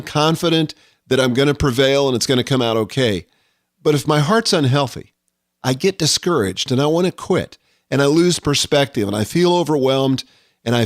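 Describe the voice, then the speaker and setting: A man's voice: medium pitch, dry recording, studio quality. A middle-aged man hosting a solo podcast, speaking earnestly and reflectively about leadership. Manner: earnest, reflective, quotes scripture. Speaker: podcast host.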